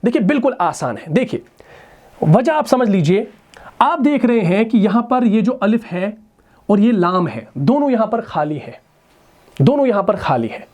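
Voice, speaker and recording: Male Arabic grammar teacher, patient and conversational, chants verb forms slowly. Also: high voice, very animated, darkish tone. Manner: patient, addresses students as brother, personifies letters; slow recitation of verses and verb forms. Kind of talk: explaining grammar lesson at a board.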